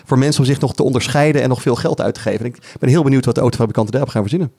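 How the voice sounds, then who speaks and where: A man's voice: mid-range voice, rapid-fire, dark tone, slightly rough. A man co-hosting a podcast, curious and chatty, often restarting his sentences. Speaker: podcast co-host. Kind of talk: casual chat.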